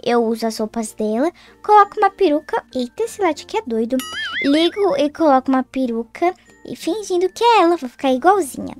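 High, cooing girl in a game role-play. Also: brisk, soft background music. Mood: eager. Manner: cooing, excitable, talks to herself. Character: sweet, scheming schoolgirl who loves babies. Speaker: channel host and role-play player.

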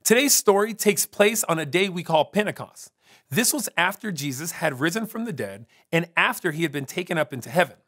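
A man hosting a children's church program, telling a Bible story in an upbeat, animated way. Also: fairly high pitch, brisk. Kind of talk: storytelling for kids.

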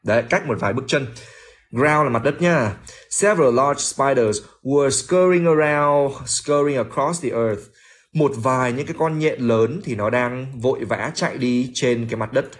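A man runs a livestream English lesson, reading lines aloud and breaking them down. His voice sits at a middle pitch. He talks in a loose, chatty way, repeating words as he searches for them and tossing jokes to the viewers. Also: moderate pace. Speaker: English teacher.

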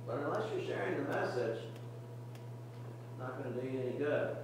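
An older man with a medium-pitched voice and lively intonation preaches at a moderate pace over background noise in a medium-sized indoor church sanctuary. His sermon is an earnest, repetitive exhortation with frequent restarts, picked up by a podium mic while the camera sits far at the back, making the recording very echoey and distant.

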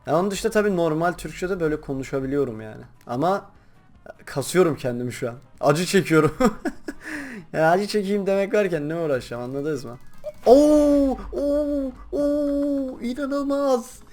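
A young man with a slightly high voice talks to his viewers while he plays, rambling from one thing to the next. He bursts into loud excited shouts now and then. Faint game music plays behind him. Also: fairly quick. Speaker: gaming YouTuber. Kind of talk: casual gameplay commentary.

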